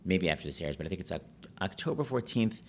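A middle-aged man telling stories in a casual, animated chat, full of "like" and quick asides. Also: sits low, slight background noise. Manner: chatty, animated, peppered with "like".

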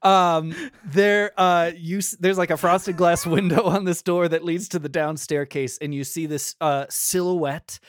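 A man's voice: a little high, steady tone, a little slow, few pauses, no echo, clean studio sound. A man narrating a tabletop game as game master, rambling with many fillers and sound effects.

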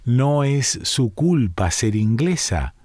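A man's voice: medium pitch, big pitch swings, slow, a little mellow, breathy edge, dry recording, clean studio sound, exaggerated voice. A man voicing a haughty, condescending male mystic who calls himself an initiate, in a read-aloud story. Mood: scornful. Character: scornful aloof male mystic, self-styled initiate. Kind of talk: audiobook reading.

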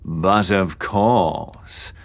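A man voicing a smug, leering aristocratic gentleman in an audiobook, drawling and mocking. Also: low-pitched, extremely slow, gravelly, full character voice. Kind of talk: audiobook character voice.

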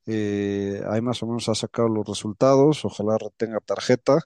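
A man's voice: on the low side, fairly even intonation, normal speed, a little mellow, no room sound. A man co-hosting a golf podcast, talking colloquially and repeating words as he goes. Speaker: podcast co-host. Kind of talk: casual golf chat.

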